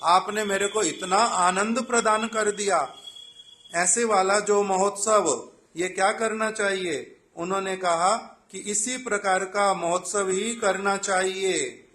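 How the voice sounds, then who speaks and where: A man giving a devotional sermon at a temple festival. He recites verses and explains each one in plain talk, telling the story in a measured way. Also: sits high, steady tone, pushed and bright.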